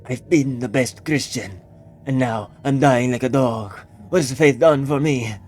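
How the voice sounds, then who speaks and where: A man's voice: mid-range voice, a little slow, darkish tone, a little hiss or hum, voice pushed up, natural voice. A man reading aloud the bitter complaint of a dying old man kneeling at an altar.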